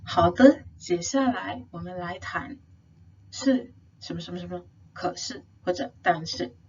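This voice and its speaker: A young woman with a slightly low voice, talking through a tutoring lesson in a relaxed, chatty way with plenty of fillers. The recording sounds a bit dull, with faint background noise. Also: a little slow. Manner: chatty, explains with lots of fillers and slang. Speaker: Chinese language tutor.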